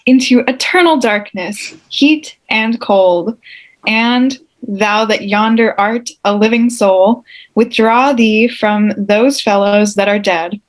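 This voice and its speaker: A woman reading the part of an aged male underworld ferryman, declaiming loudly like a circus announcer. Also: fairly high pitch. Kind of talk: dramatic verse reading.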